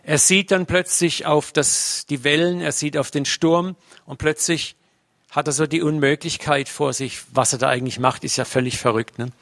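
A man's voice: on the high side, steady tone, normal speed, gravelly, fairly bright tone, no room sound, studio quality. A man preaching a sermon in a conversational way, often tagging his sentences with a questioning "ne?". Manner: conversational, uses tag "ne?" often.

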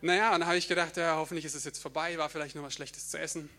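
A young man tells his testimony to a church audience. His voice sits high and sounds bright and forward. He tells the story vividly, laughs at himself and sometimes sings short bits of hymns. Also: steady tone, very fast. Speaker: church speaker sharing a testimony. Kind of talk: personal testimony in a church talk.

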